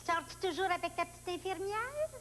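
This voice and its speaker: A man with a Québécois accent voicing a nosy, sweet older neighbour lady in a slow falsetto. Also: expressive, bright, forceful tone, in a large hall, a little hiss or hum, exaggerated voice. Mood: prying. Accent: Québécois French.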